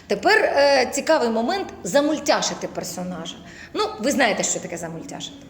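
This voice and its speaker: Woman voice-acting teacher, high, echoey lecture room with faint noise. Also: fast. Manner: lively, demonstrative, often shifts voice for examples.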